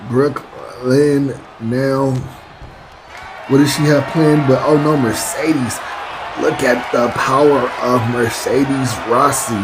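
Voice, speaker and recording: A man's voice: mid-range voice, fairly even intonation, slow pace, a crowd in the background. A man giving play-by-play wrestling commentary over a video game, addressing listeners in announcer style with stock exclamations. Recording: clear background noise behind the voice.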